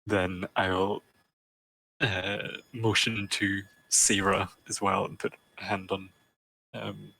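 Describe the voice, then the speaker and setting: A man playing a tabletop game, his voice somewhat low and husky. He speaks slowly and hesitantly, pausing on ums as he describes what his character does. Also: level tone, sharp tone, poor audio. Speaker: player.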